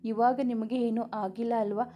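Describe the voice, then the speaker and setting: A young wife lying injured, read by a woman storyteller, speaking faintly and earnestly. Her voice is soft and mellow. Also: a little high, flat delivery, normal speed, lightly acted. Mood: weak earnest. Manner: faint, weak.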